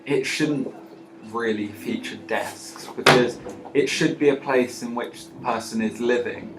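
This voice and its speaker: A man's voice: medium pitch, measured pace. A young man in his late teens in a student meeting, arguing his points and objecting often. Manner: argumentative, keeps objecting. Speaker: student in a group planning meeting. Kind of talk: casual group discussion. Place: school classroom. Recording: echoey classroom with clear background noise.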